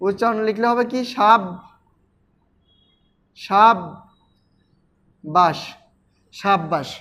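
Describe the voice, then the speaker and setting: A man's voice: extremely high pitch, moderate pace. A man teaching pronunciation, repeating each word several times and speaking directly to his students. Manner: addresses students directly with instructions. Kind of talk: pronunciation lesson. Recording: dull lo-fi recording.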